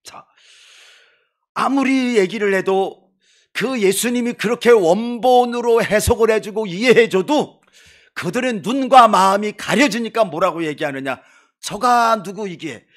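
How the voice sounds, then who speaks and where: A missionary pastor delivers a sermon in a church, his voice pitched high and swooping widely up and down. He keeps asking his congregation rhetorical questions and drops in joking asides. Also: unhurried. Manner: lively, emphatic preaching with rhetorical questions to the congregation; jokes and playful asides to the congregation. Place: church sanctuary before a congregation.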